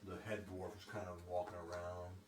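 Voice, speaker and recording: A man narrating a tabletop game as game master in a casual, halting, sometimes profane way. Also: low-pitched, monotone. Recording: roomy echo, faint background noise.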